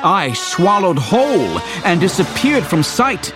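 An actor playing an earnest, exasperated young hero in Shakespearean verse, declaimed like a hammy stage performer. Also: male voice, high voice, sing-song, a little slow, over music. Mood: lamenting, dramatic. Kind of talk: dramatic Shakespearean verse reading.

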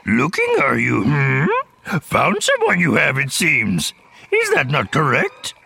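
A man voicing an impish, mischievous little old swamp creature with a raspy croak, hammy stage delivery and inverted archaic phrasing. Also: medium pitch, wildly swooping pitch, slow pace, pushed and bright, no echo, full character voice. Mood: curious, playful.

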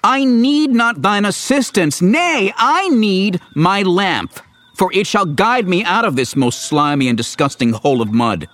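A man's voice: mid-range voice, big pitch swings, slow pace, no echo. Man playing a hammy, sweeping Shakespearean young hero. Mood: exasperated. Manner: hammy theatrical stage declaiming. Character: earnest, exasperated young hero stranded in a swamp, Shakespearean. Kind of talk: dramatic Shakespearean verse reading.

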